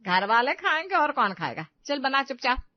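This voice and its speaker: Casting: woman doing a stern, bossy cartoon mother-in-law with a high, scolding voice, dull and dry. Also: sing-song, moderate pace, no room sound. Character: stern scheming middle-aged mother-in-law. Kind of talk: animated storybook voice acting.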